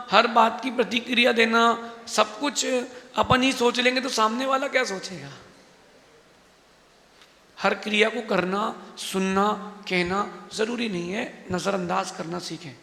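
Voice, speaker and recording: A Jain monk delivering an emphatic, rhetorical Hindi sermon with a preachy manner. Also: male voice, high-pitched, creaky, sharp tone. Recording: echoey hall.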